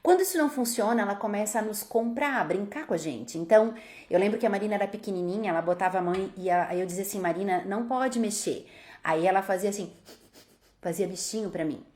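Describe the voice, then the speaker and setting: A pediatrician giving a talk to parents, acting out parents and children in quoted voices. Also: female voice, mid-range voice, fast, a little mellow. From Brazil.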